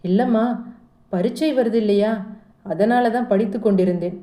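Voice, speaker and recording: A woman's voice: mid-range voice, moderate pace, mellow, lightly acted. A woman voicing a defensive teenage girl who pleads and protests in a told story. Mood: defensive pleading. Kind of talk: storytelling dialogue. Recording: echoey room.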